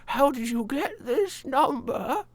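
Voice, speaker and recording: A man voicing a very old woman, bewildered and emotional, who speaks in a hesitant, drawn-out way. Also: very high voice, lively intonation, no room sound, pitched above the performer's own voice, heavily acted. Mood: suspicious.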